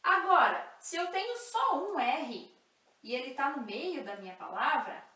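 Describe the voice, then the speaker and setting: High, slow woman teaching in an echoey room. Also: expressive, sharp tone, far from the mic. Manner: slow, clear, spells out sounds and repeats example words. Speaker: Spanish teacher. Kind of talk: online language lesson.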